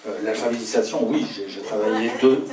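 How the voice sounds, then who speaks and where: A man giving a talk in a pub and answering audience questions, speaking in a measured, deliberate way with pauses between phrases. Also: on the low side, fairly even intonation, crowd noise. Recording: roomy, distant mic, faint pub hum.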